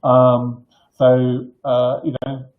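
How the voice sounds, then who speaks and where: A middle-aged man hosts an informal live stream from a room at home. His voice sits at a medium pitch and he explains things in a halting, conversational way. The webcam sound is a little dull and lo-fi. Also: completely flat delivery. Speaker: gardening live stream host. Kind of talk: informal question-and-answer advice to camera. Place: bright living room indoors.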